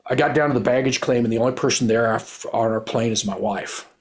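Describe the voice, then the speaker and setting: A man's voice: medium pitch, fairly quick, breathy edge. A middle-aged man, a retired police officer, telling his story in a candid, rambling, earnest way, often restarting his sentences.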